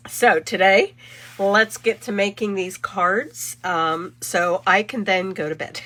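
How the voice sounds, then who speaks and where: The host of a card-making channel, a middle-aged woman, leads a relaxed live demo, talking chattily, wandering off topic and fixing her own slips. She is congested with a cold, and her mid-range voice is pushed and bright as she takes things slowly.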